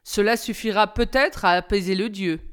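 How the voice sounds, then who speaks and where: A woman voicing a lively, chatty teenage girl in a storybook, with a brisk, encouraging way of talking. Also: mid-range voice, smooth, natural voice. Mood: reassuring.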